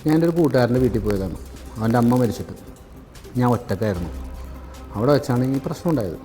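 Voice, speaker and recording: A man's voice: medium pitch, expressive, quick pace, dark tone, soft background music. Defensive man. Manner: defensive, rambling, asks questions back. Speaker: interviewee. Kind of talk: phone-in news interview.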